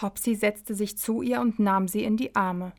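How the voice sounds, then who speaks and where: A woman reading her own children's story aloud on the radio, slow and measured. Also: medium pitch, fairly even intonation.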